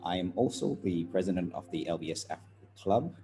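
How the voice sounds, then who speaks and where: A man's voice: low-pitched, fast talker, gravelly, dark tone, soft background music. A young man from Zimbabwe, a student interviewing a professor, speaking hesitantly with many fillers.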